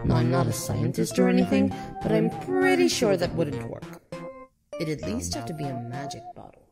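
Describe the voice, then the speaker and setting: A woman playing a mysterious, awkward river person in a drama, hesitant and deadpan. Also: on the low side, normal speed, vocal fry, heavily acted. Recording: long reverb, loud music behind.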